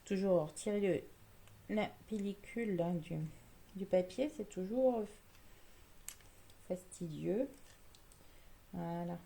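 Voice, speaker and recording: Gravelly-voiced woman demonstrating card making. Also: fairly low pitch, takes it slowly, long pauses, dark tone. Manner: chatty, explains each step while working. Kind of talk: live crafting demo, chatting with viewers.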